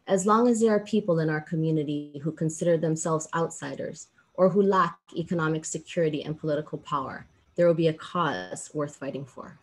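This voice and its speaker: A middle-aged woman from Hawaii, a law professor giving a formal commencement speech over a video call, earnest and measured with emphatic pauses. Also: low-pitched, a little mellow. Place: indoors, small room with plain backdrop.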